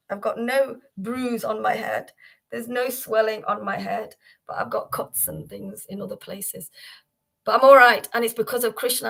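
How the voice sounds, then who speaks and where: Fairly high in pitch with noticeable vocal fry and a fairly bright tone, this host leads a devotional livestream. She speaks to viewers by name in a casual, repetitive way, full of fillers and false starts.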